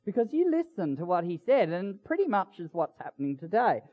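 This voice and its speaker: A man preaching a sermon as a Baptist minister, speaking with warm pastoral emphasis. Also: brisk. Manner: lively, swinging pitch with warm pastoral emphasis. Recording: dull lo-fi sound.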